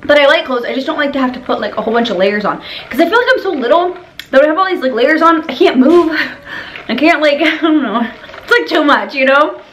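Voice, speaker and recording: A young woman with a high, somewhat bright voice talks fast and casually to her viewers while eating in a room at home for her mukbang vlog. She's chatty and giggly, full of laughs and "like"s, and the audio is poor with slight background noise.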